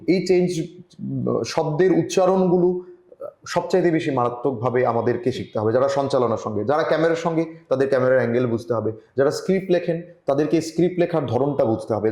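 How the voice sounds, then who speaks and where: A man from Tripura, India, giving earnest advice as a journalist guest in an online interview, often pausing and restarting. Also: medium pitch, mellow, reverberant. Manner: earnest, advising, with frequent hesitations. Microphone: video call.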